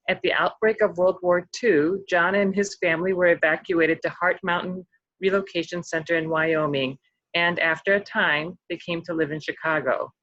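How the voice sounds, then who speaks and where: A host presenting scholarship awards at an online ceremony, pausing often with ums and slightly losing their voice. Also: medium pitch, a bit bright, no echo, muffled recording. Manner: halting, many ums.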